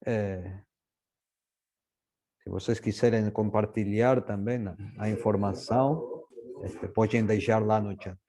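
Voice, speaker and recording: A man's voice: fairly low pitch, steady tone, slow pace, pauses often, dark tone. A man with a Spanish-speaker's accent, informally moderating an academic panel and hesitating as he mixes languages.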